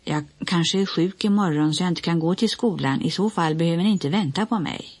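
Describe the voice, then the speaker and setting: A woman's voice: on the low side, husky. A woman voicing a stubborn, nervous young boy who talks back sulkily. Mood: sulky defiant. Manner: sulky, defiant.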